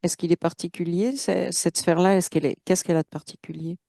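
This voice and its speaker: A woman acting as the operator of a channeling session, guiding with short questions and quick affirmations. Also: fairly low pitch, steady tone, gravelly, warm tone, no echo, studio quality.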